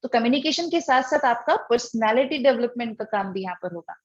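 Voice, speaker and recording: A woman's voice: fairly high pitch, animated, a little fast, dull audio. A woman teaching a spoken English class, explaining step by step, asking rhetorical questions and checking in with her students as she goes. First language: Hindi. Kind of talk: online spoken English lesson in Hindi.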